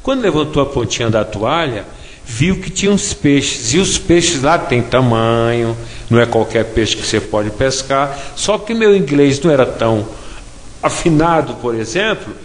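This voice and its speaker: A man's voice: mid-range voice, expressive, moderate pace. A man from Brazil with a Brazilian Portuguese accent, telling a story in casual chat and often adding tag questions. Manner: chatty, frequent tag questions. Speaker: interviewee. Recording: echoey hall with faint ambience.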